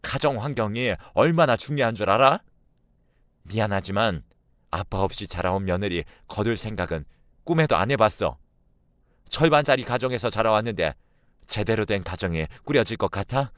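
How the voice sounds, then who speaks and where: A man voicing a proud, snobbish middle-aged mother with a scolding, shrill edge. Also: animated, normal speed, no room sound, studio quality, natural voice. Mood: contemptuous. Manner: scolding, shrill when angry.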